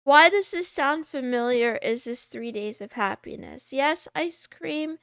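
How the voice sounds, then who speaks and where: A woman's voice run through a voice changer, sitting high and moving at an unhurried pace. She chats casually as a streamer, wandering between thoughts and laughing often. The sound is dry and close, with no room around it. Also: expressive, fairly bright tone, clean tone, dry recording. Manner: rambling, self-interrupting, laughs often. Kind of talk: casual chat.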